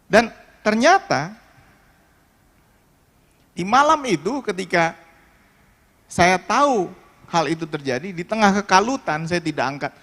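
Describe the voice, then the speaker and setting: A man preaching with a high, light voice that rings through a church hall with a long echo. He tells his story in a conversational, deeply felt way and often turns to the congregation. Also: lively intonation, a little slow, long pauses, a bit bright. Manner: emotional, conversational storytelling, addressing the congregation directly. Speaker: pastor. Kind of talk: sermon with personal testimony. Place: worship hall.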